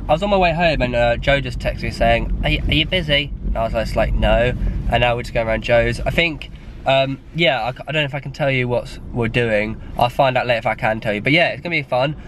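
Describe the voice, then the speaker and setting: A young vlogger with a medium-pitched voice rambles chattily to the camera, sounding a bit ill with a blocked nose. There's background noise behind him.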